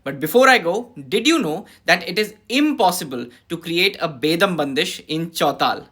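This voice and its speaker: A woman's voice: on the low side, animated, extremely slow, a bit bright, slightly rough. A woman teaching kathak, explaining with care and reciting the dance syllables in rhythm.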